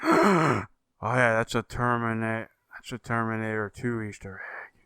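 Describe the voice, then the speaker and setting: A man co-hosting a casual gaming podcast, talking in a slow, agreeable and hesitant way. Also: lowish voice, level tone, bright, forceful tone, smooth, no echo. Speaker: podcast co-host.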